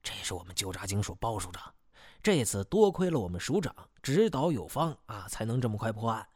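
Man voicing a fawning boastful detective, lively. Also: lowish voice, fairly quick, husky, no echo, studio quality. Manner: flattering and self-promoting.

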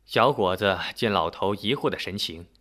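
A man narrating a folk story in an expressive, animated telling. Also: fairly low pitch, normal speed.

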